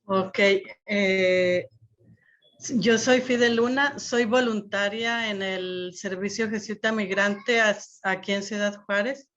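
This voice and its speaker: A woman's voice: mid-range voice, fairly even intonation, slow, a bit bright. A woman, a volunteer introducing a guest in a hesitant way with many fillers. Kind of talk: spoken introduction. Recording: dull lo-fi audio.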